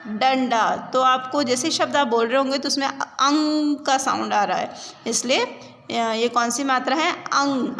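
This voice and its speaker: A woman teaching a class of young children, sounding out words slowly, then asking and answering her own questions. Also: high voice, fairly bright tone. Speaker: primary school teacher. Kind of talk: online class lesson. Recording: roomy reverb, faint background noise.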